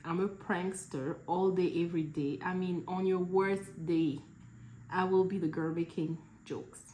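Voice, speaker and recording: A young woman from Cameroon talks through a casual question-and-answer vlog in a relaxed, chatty way. Her voice sits a little low, and she laughs easily between answers. The room is echoey, with a faint hiss of noise behind her. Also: unhurried. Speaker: vlogger.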